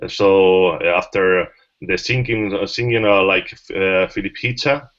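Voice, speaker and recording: A man from Spain, speaking haltingly with many fillers as a panelist in a casual discussion. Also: low-pitched, fairly even intonation, fairly bright tone. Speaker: journalist panelist. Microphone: video call. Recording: muffled online call audio.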